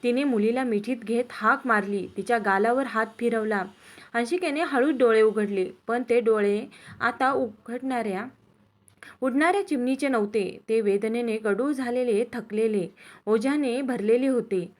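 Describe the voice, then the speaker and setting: A woman storyteller reading a sad story aloud in a slow, dramatic, emotional way. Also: fairly high pitch. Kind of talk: scripted story narration.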